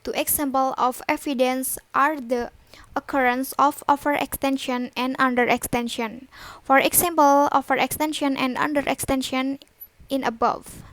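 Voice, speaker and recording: A young woman, a student presenter reading a class presentation in a steady read-aloud way. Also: high voice, moderate pace, no echo. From Indonesia. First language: Indonesian. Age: young adult.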